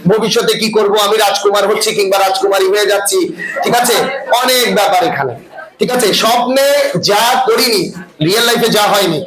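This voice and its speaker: A man teaching an English class, lecturing and often asking students whether they follow. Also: high-pitched. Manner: asks the class frequent check-in questions. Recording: echoey room with class noise.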